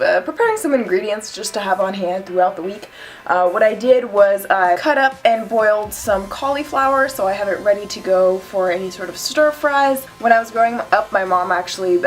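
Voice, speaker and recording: A young woman talks in the casual style of a fitness vlogger, chatty and informal at a medium pitch. She is a little self-deprecating as she explains things, and faint music plays behind her. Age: young adult. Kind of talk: casual instructional vlog talk.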